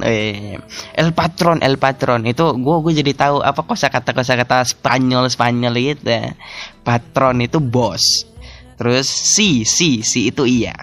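A man's voice: medium pitch, a bit bright. A young man with hosting a casual solo podcast, rambling, restarting sentences and laughing often. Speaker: podcast host.

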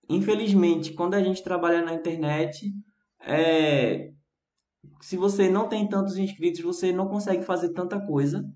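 Male online English teacher, chatty live host, slow delivery, echoey room. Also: fairly high pitch, darkish tone. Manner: slow careful English reading, chatty Portuguese asides. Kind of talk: live-stream English lesson.

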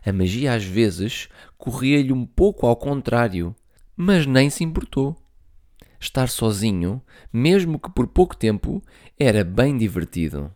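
A man reading a children's story aloud, lively and talking to young listeners. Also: mid-range voice, a little slow.

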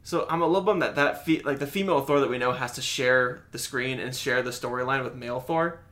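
A man co-hosting a podcast, giving his views in relaxed casual chat. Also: mid-range voice, fairly quick. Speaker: podcast co-host.

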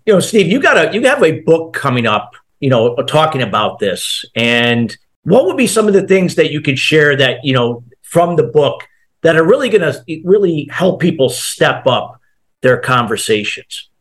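A man's voice: on the high side, big pitch swings, normal speed, fairly bright tone. A man hosting an interview, chatting casually and affirming his guest's tips. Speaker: interview host.

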